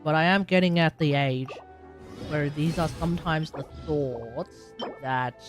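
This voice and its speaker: A young adult Australian streamer rambles casually while gaming, musing aloud and chatting with viewers, then bursting into sudden loud outbursts. His mid-range voice moves at a measured pace over music.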